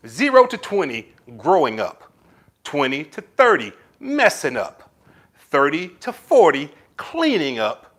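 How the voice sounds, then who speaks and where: Slow and a little high, with a slightly rough edge, this man's voice carries a casual livestream of relationship advice. He answers viewer comments animatedly and refers to his viewers with pet names such as "baby."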